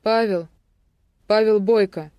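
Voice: medium pitch, fairly even intonation, slow, dark tone, no room sound, close to an everyday voice. A narrator voicing a frightened young male resident doctor tied to a chair, in an audiobook. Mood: tense. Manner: tense, strained.

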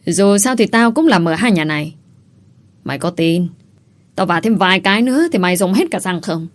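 A woman's voice: mid-range voice, lively intonation, brisk, natural voice. A woman voicing a fiery young mistress of a rich household who snaps back sharply. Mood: angry. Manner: sharp, combative.

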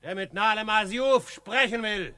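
Commanding, higher-voiced frontier hero, Old Shatterhand. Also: male voice, measured pace, pushed and bright, smooth, no room sound. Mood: proud, threatening. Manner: commanding, declamatory, formal. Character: bold, self-assured frontiersman and honorary chief. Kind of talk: German radio drama acting.

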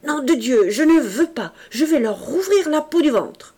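A woman reading an audiobook voices a frantic, desperate young man, shouting and pleading. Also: high voice, lively intonation, moderate pace, pitched above the performer's own voice. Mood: raging.

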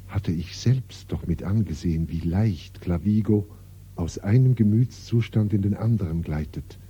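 A husky, brooding brother. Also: male voice, low voice, mellow, full character voice. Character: uneasy brother reflecting on a troubling mission. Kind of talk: inner monologue in a radio drama. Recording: dull old radio recording.

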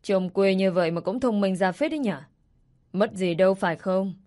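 A woman's voice: mid-range voice, normal speed, warm tone, close to an everyday voice. A woman doing a smug, mocking ex-husband. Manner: taunting, mocking.

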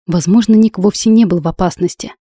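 A woman's voice: medium pitch, brisk, dark tone, breathy edge, dry recording. A woman narrating a first-person fantasy audiobook with intense, emotional delivery, recorded close to the mic.

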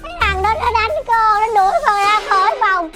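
A man's voice: steady tone, a little fast, music in the background. A man voicing a frightened little boy who cries and begs for his mother. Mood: pleading. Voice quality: high, tearful pleading.

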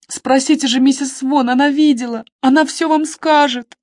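A woman reading an audiobook, voicing a distraught young woman who pleads and shouts accusations in high, shrill bursts. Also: steady tone, moderate pace, no echo, clean studio sound, lightly acted. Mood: pleading.

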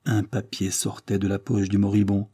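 A man's voice: completely flat delivery, normal speed, slightly rough, no room sound. A man reading an audiobook, voicing a devoted elderly peasant nursemaid who speaks earnestly and urgently. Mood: urgent telling. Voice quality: raised pitch, forceful. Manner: earnest and pleading.

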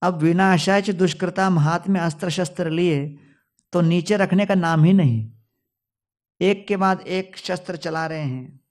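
High-voiced male devotional storyteller. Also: unhurried. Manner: storytelling, quoting Sanskrit verses, mixing in English words. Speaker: preacher. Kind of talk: devotional scripture storytelling discourse.

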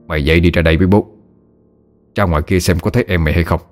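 A man voicing a gruff, stern older village father who talks curtly. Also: low voice, fairly even intonation, very fast, faint music behind, natural voice. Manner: gruff, curt.

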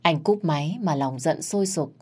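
Low-voiced woman telling a sad story. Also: moderate pace, dark tone, slightly rough. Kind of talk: narrated family drama story. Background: faint background music.

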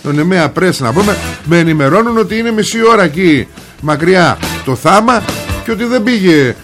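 A man's voice: sits high, expressive, fairly bright tone, faint music behind. A man hosting a radio show, retelling a news story in a colloquial, rambling way with joking asides to his listeners.

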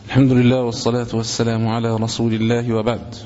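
Man giving a measured religious lesson. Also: medium pitch, little pitch movement, lo-fi sound, a crowd in the background. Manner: deliberate, repeats key words. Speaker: religious teacher. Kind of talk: lecture explaining a hadith book.

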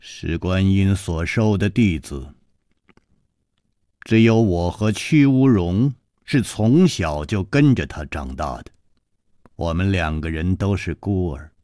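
Man doing a shaky young woman, soft half-whispered, slow. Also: low-pitched, sing-song, dry recording, clean studio sound, voice pushed down, full character voice. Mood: trembling. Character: trembling proud young woman, a villain's disciple.

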